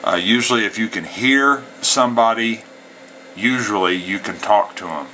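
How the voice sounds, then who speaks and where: Against CB radio static and chatter, a man with a fairly low voice and sharp tone talks at a moderate pace in a rough recording. He operates the radio in a folksy manner, using CB slang between calls and laid-back explanations.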